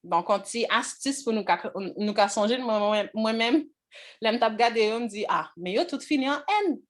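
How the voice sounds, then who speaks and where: A woman teaching a language class on pronunciation, pausing often to check whether the students follow. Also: on the high side.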